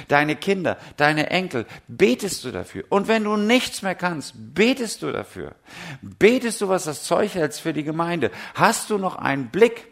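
A man's voice: fairly high pitch, creaky, fairly bright tone. A middle-aged man preaching a sermon, telling humorous, self-mocking stories and putting direct questions to the congregation.

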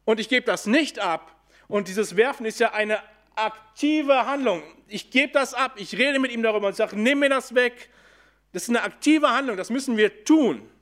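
A man preaching a sermon to a congregation, asking questions and answering them himself, and slowing down when he quotes scripture. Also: very high voice, fairly bright tone.

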